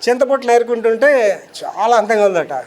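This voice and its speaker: High-voiced emphatic male pastor. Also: expressive, darkish tone. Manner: emphatic, rhetorical questions, slow deliberate scripture reading. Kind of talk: sermon.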